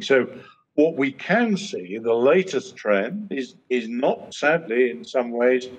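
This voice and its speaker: An older British man on a video call, speaking as a panelist in a measured way, with many pauses and fillers. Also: mid-range voice. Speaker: trade association chairman, panelist. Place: home study, indoors. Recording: muffled video-call audio.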